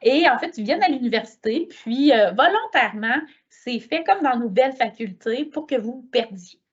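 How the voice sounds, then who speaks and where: A middle-aged woman with a Quebec French accent giving a conference talk, telling lively stories and acting out the dialogue. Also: sits high, normal speed, husky, lo-fi sound. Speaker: lecturer.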